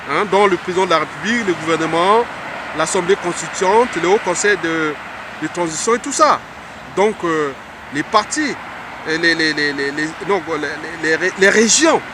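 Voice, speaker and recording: A man's voice: high voice, background noise. A man from the Republic of the Congo giving an earnest, repetitive political address, speaking like an orator.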